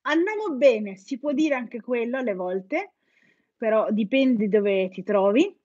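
A woman whose first language is Italian teaches English as the playful, teasing host of a live quiz, chatting and joking with her viewers and students. Her voice is high-ish, animated, slow, and warm, heard through dull, lo-fi live-stream audio.

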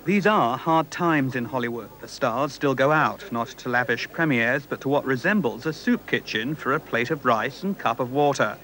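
A man reading a scripted television news report in a measured, ironic way. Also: mid-range voice, a crowd in the background.

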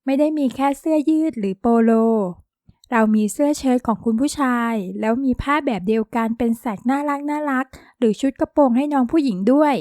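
A polite middle-aged woman shopkeeper in an audio novel, voiced by a woman reader. She makes smooth, courteous sales talk in a high voice, close and dry. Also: fairly quick, a little mellow, dry recording, close to an everyday voice.

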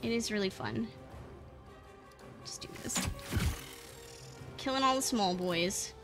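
A woman's voice: medium pitch, slow pace. A woman streamer giving playful, chatty live gameplay commentary, swearing now and then and giggling at her own jokes. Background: game music.

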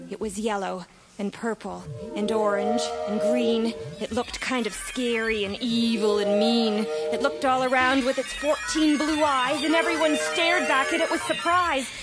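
A woman narrating a rhyming children's story in a lively, expressive, sing-song way. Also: medium pitch. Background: music.

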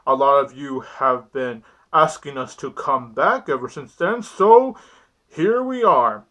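A man's voice: mid-range voice, lively intonation, takes it slowly, fairly bright tone. A young man voicing a foul-mouthed, cheerful little toy Santa in an amateur comedy skit. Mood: boisterous. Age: young adult. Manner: crude, swearing. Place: small bedroom indoors.

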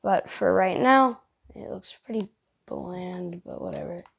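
Slow, gravelly-voiced tired woman gamer. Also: on the low side. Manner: rambling, thinking aloud, self-mocking. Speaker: gaming channel host. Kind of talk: casual let's-play commentary.

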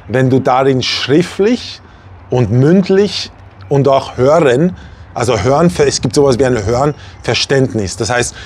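A man in his forties from Vienna talks straight to camera in accent-free standard German, lively and chatty. He gestures as he speaks and fills his talk with little asides and fillers. His voice sits at an ordinary middle pitch, recorded in a small indoor room. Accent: standard High German, no regional accent. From Vienna, Austria. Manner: animated, gestures a lot, many fillers and asides. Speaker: language teacher and channel host.

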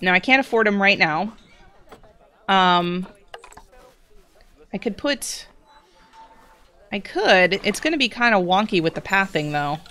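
A young woman giving casual let's play commentary, chatty and prone to excited gasps, talking to the animals in her game. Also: mid-range voice.

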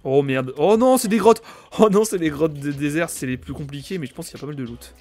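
A young man with a cold, commenting loudly on his own gameplay, swearing and yelping when enemies attack. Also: a little high, fairly quick, soft background music. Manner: excitable, swears a lot, yelps at enemies. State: has a cold. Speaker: gaming YouTuber.

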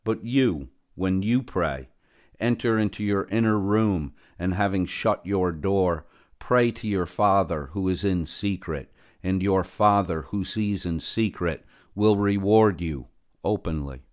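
Male scripture reader, deep low voice, unhurried and solemn. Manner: measured, solemn reading with long pauses. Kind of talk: slow scripted Bible reading.

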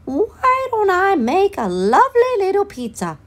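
Lady playing a fussy little hen, squeaky high voice calling out loud and bouncy. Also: huge pitch swings, a little slow, full character voice. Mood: chirpy, asking. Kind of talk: storytime read-aloud.

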